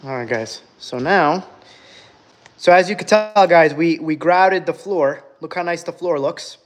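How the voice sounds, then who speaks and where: Filming himself on a phone held at arm's length inside a house being renovated, a young man from Hungary runs a laid-back livestream. His voice sits on the high side and moves at a measured pace as he talks with viewers, reads out their comments, and often calls them "guys."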